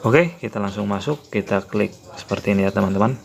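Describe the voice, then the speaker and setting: A man's voice: lowish voice, quick pace, vocal fry. A man hosting a tutorial channel, walking viewers through a phone app in a plain explanatory way. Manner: plain explanatory, repeats "ya, teman-teman" fillers.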